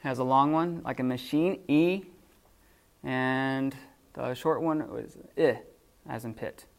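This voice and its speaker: A man teaching a classroom lesson off the cuff, halting with many fillers and restarts. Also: mid-range voice, vocal fry. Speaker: Greek teacher.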